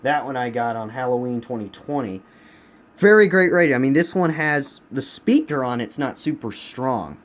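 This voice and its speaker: Holding a camera and staying behind it, a U.S. radio collector shows off his collection in a room at home in an unscripted, casual review. He speaks in an animated, mid-range voice at a moderate pace, often repeating himself for emphasis, with clear background room noise.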